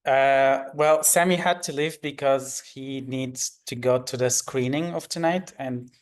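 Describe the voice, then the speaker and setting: A man's voice: mid-range voice, steady tone, unhurried. A man moderating a festival masterclass over a video call, apologizing for an absent colleague and handing over to the guests. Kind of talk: hosting an online panel.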